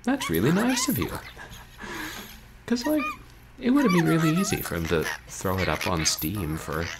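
A man in his thirties hosts a video game livestream, his fairly high voice swinging hugely in pitch at a normal pace. He chats casually and wordily with viewers, wry and self-deprecating, from a small bedroom with noisy webcam audio.

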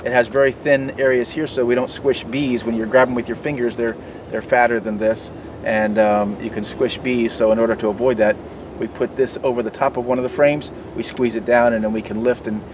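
Standing among garden plants, a middle-aged man mentors someone on beekeeping tools, going step by step and often restarting or filling pauses. His medium-pitched voice stays level and moves fairly fast. Outdoor noise comes through on the faraway mic.

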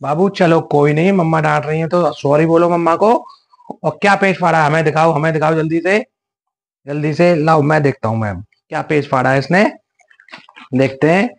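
A man's voice: fairly high pitch, normal speed, vocal fry. A man hosting a kids' coloring lesson, talking in a soothing, coaxing, sing-song way to children. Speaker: children's drawing channel host. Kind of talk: acted skit and coloring lesson for kids.

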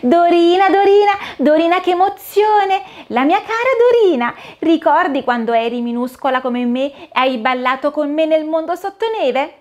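A woman voicing an excited little male mouse who gushes and repeats himself in a children's storybook tale. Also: sits high, normal speed, hardly any pauses, pitched above the performer's own voice. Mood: overjoyed. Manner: breathless, gushing repetitions.

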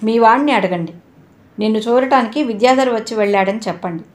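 A woman's voice: on the high side, fast, darkish tone, close to an everyday voice. Brief: storybook audio, a restrained, proud young man who answers in firm, clipped words, as a woman narrator puts him on.

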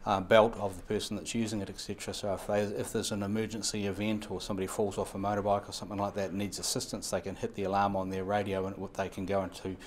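A New Zealand man in his fifties, a radio equipment supplier, speaks in a lowish, level voice with slight background noise. Interviewed on a lapel mic in an indoor showroom, he gives fast, long, run-on answers packed with fillers and restarts.

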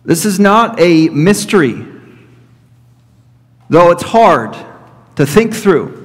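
Speaking from the pulpit, this man in his thirties gives an expository sermon, moving slowly and deliberately through his points and repeating them. His voice, a little high for a man, swings widely in pitch. The church's long reverb fills the sound, picked up by a fixed camera at middle distance.

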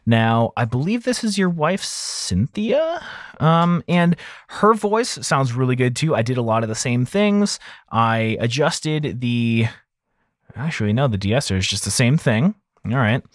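A man in his thirties, host of a mixing series, gives a casual audio engineering tutorial in a small home studio. His medium-pitched voice is sing-song and unhurried, picked up close on a large broadcast mic on an arm, with no echo.

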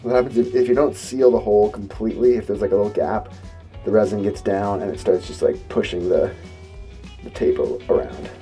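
A man in his forties calmly explaining each step of a repair job while he works in a boat shed. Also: lowish voice, fairly quick, soft background music. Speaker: boat restorer. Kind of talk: how-to narration while working. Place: boat shed with timber frame, indoors.

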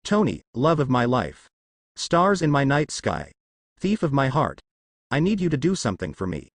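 A man's voice: medium pitch, huge pitch swings, normal speed, no room sound, clean studio sound. A man voicing a goofy, brash teenage ninja boy who whines and jokes in a storybook reading. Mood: pleading. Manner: whiny and playful.

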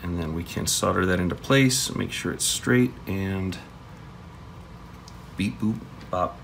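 A man's voice: low-pitched, normal speed, creaky, fairly bright tone, slight background noise. A man casually talking through an electronics kit build at his workbench, thinking aloud with plenty of fillers. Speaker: electronics hobbyist host.

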